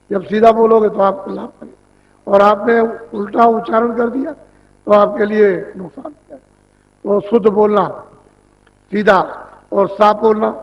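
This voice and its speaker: A man giving a devotional sermon as a spiritual teacher, instructing in a plain, repetitive way. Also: sits high. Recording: dull lo-fi 1990s tape recording.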